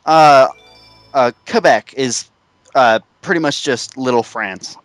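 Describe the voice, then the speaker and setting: A man, heard over a voice-call headset, chatting about games in a halting way that keeps stopping and restarting. His voice sits at an everyday middle pitch, with a faint bed of game music behind him. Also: no echo. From Canada. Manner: halting, talks in stops and starts. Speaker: co-commentator. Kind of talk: casual gaming chat.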